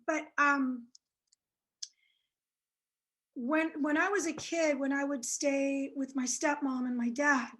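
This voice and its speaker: On an interview show, a psychic guest whose first languages are French and Italian chats shyly in a casual exchange, full of fillers and hesitations. Her voice is high, a bit bright and fairly even in intonation, and she speaks slowly with frequent pauses.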